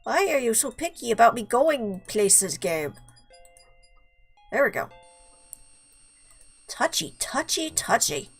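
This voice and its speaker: With game music running underneath, a woman gives casual, talkative let's play commentary and jokingly talks back to the game. Her slightly high, slightly rough voice has a sing-song lilt, and she's unhurried, leaving long pauses.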